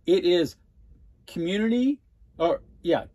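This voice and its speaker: A middle-aged man with a somewhat husky, slightly higher voice chimes in often with agreement and quick asides. His pitch swings widely from phrase to phrase. He sits beside his co-host, filmed by a webcam in a small room. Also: expressive, mellow, dry recording. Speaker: co-host of an RV travel channel. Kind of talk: casual chat. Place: small indoor room in front of a green screen.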